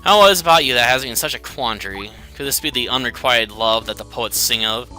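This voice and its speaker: A man's voice: medium pitch, fast talker, bright, forceful tone, faint music behind. A man voicing a seductive female pixie succubus who talks in a formal, theatrical way. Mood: infatuated.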